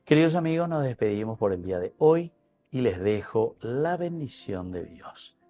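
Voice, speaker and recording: A man's voice: mid-range voice, big pitch swings, moderate pace, dark tone, soft background music. A man with a Paraguayan Spanish accent, a priest giving a teacherly Bible reflection on television. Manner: explanatory, teacherly.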